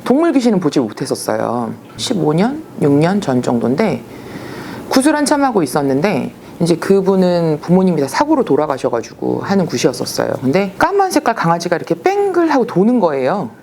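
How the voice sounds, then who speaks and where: Animated Korean woman telling ghost stories. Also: lowish voice, fairly quick, slight background noise. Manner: animated, acts out quoted voices. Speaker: shaman. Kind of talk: casual storytelling.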